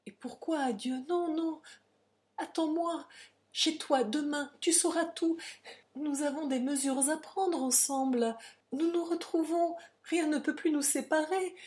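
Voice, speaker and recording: A woman reader voicing a passionate young heroine who pleads and protests in a high, impassioned voice. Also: a little slow, darkish tone. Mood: pleading.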